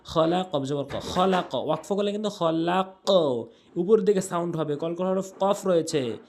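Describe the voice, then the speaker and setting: A man's voice: high voice, darkish tone, a little hiss or hum. Bangladeshi man teaching Quran pronunciation. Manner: spells letters and vowel marks slowly, then repeats words in drawn-out recitation. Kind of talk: explaining Arabic pronunciation rules.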